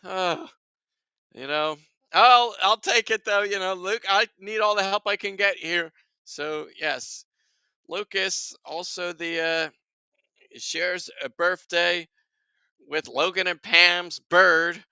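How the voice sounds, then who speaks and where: A man's voice: sits high, fairly even intonation, takes it slowly, pushed and bright, clean tone, dry recording. A man hosting a live soccer watchalong stream, chatting to his viewers in a rambling, casual way.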